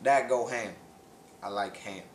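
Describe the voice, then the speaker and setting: A man's voice: on the low side, unhurried, roomy sound, a little hiss or hum. A man joking around in a rambling comic skit, brash and profane, repeating catchphrases. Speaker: comic co-host.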